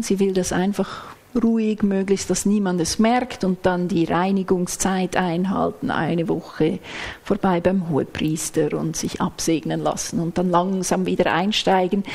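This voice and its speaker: A woman preaching a sermon in a measured, explanatory way, working through a Bible passage phrase by phrase. Now and then she sinks into soft, almost whispered asides. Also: mid-range voice. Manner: explains text closely, acts out quoted lines.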